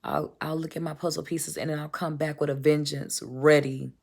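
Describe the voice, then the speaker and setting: Woman, deep voice, gravelly fry, emphatic motivational vlog, blunt, calls you baby. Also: level tone, moderate pace, a little mellow. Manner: emphatic, preachy, repetitive; blunt, swears casually. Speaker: vlogger. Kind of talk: motivational monologue.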